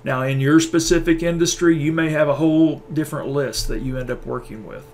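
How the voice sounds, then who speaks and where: A man giving a recorded university lecture on workplace safety. He talks haltingly, with many fillers and restarts, and he sounds tired and a little out of breath. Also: on the high side, steady tone, a little hiss or hum.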